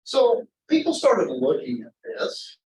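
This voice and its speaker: A man giving an informal university math lecture in a rambling, halting way, often interrupting himself and drifting into asides. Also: high-pitched, wildly swooping pitch, darkish tone. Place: indoor classroom. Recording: echoey lecture room, distant mic.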